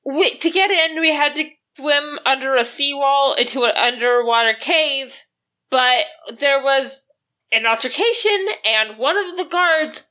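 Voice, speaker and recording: A woman's voice: high voice, measured pace, pushed and bright. A woman playing a tabletop game in casual, partly in-character chat, informal and matter-of-fact.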